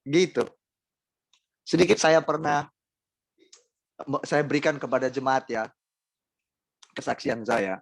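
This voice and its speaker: A male pastor with an Indonesian accent preaches a sermon in a gravelly, fry-edged, medium-pitched voice, speaking slowly and pausing often. He addresses his congregation directly with rhetorical questions and repeated key phrases. The recording is dry with no echo, but rough.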